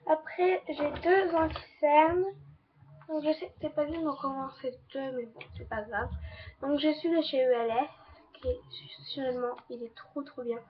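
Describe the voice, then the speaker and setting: A woman's voice: high voice, steady tone, normal speed, dull audio, slight background noise. A teenage girl casually reviewing her makeup, chatty and repetitive, filling her talk with little stock phrases. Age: teens. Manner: chatty, repeats "donc voilà" and "trop, trop bien". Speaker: beauty vlogger. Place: bedroom with a fan running.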